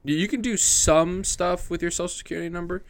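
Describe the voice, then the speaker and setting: A man's voice: sits high, brisk. Blunt, profane man chatting on a call. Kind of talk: casual chat. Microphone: remote call with a mute button.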